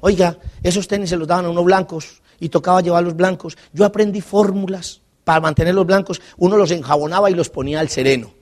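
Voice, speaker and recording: A man's voice: high voice, quick pace, few pauses. A Colombian man speaking as a motivational speaker, telling humorous life stories to a live audience and asking them questions. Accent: Colombian Spanish. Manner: animated, asks the audience questions and jokes. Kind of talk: live storytelling talk to an audience.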